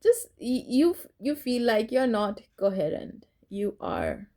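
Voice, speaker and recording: A woman's voice: fairly high pitch, huge pitch swings, measured pace, mellow. A woman giving a casual tarot reading, rambling and correcting herself as she goes, and laughing at her own slips. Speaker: tarot reader.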